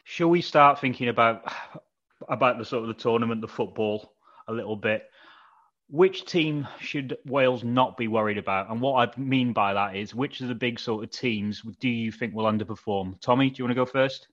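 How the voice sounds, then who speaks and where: A man hosting a podcast, asking steady questions about football. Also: mid-range voice, moderate pace. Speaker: podcast host. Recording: slightly muffled audio.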